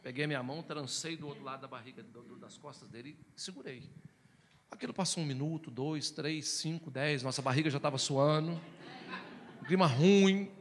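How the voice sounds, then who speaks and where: A man preaching a storytelling sermon, animated, swinging between loud exclamations and hushed quiet. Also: on the high side, normal speed, big-room sound, slight background noise. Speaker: pastor.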